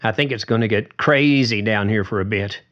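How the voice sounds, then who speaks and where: A man's voice: fairly low pitch, moderate pace, muffled recording, lightly acted. A man reading aloud who voices a chatty, pushy adult woman in an offhand, rambling way. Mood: breezy. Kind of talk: audiobook character voice.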